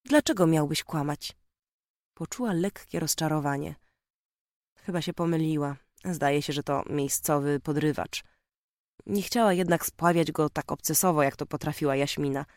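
Audiobook narrator, calm measured delivery, dry close read. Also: mid-range voice, no echo. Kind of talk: scripted narration.

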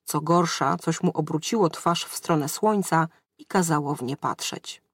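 A woman narrating a fairy tale in a measured storytelling manner. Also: deep voice, husky, dry recording, studio quality.

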